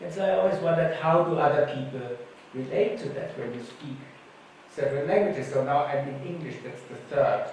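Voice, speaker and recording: A man's voice: on the high side, moderate pace, darkish tone. Man telling stories in an echoing hall. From Germany. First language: German. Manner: informal, anecdotal storytelling. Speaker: conference panelist. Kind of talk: conference talk. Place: conference hall. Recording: echoey hall, distant mic, faint noise.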